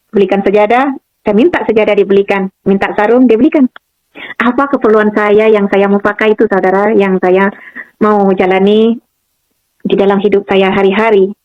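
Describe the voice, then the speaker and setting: Speaking in a mid-range voice, this Madurese woman from Indonesia tells her own story of faith as a testimony, often calling out to her audience as "saudara." The audio is dry with a dull quality.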